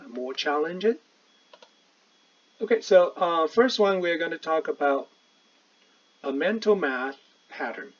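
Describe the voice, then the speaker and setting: A man teaching an online English and phonics lesson in a casual way, slowly sounding out long words syllable by syllable. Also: mid-range voice, husky. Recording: distant, dull lo-fi voice.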